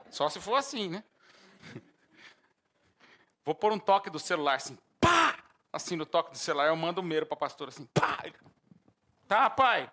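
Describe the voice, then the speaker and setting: Bright-voiced Brazilian pastor preaching. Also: male voice, on the high side. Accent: Brazilian Portuguese. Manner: preaching with animated outbursts and acted-out shouts. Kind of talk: sermon.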